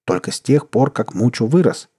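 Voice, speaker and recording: A man voicing a calm, calculating male starship captain who speaks curtly in a read-aloud story. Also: mid-range voice, moderate pace, slightly rough, voice pushed up. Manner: calm, curt, matter-of-fact.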